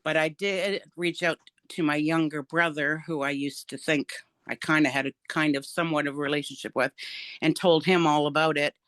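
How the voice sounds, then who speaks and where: Older woman, grandmother, frank and emphatic, bright tense voice, dry close sound. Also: sits low, fairly even intonation, moderate pace, dry recording. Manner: frank and emphatic, with wry laughs. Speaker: guest. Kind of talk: candid interview about family.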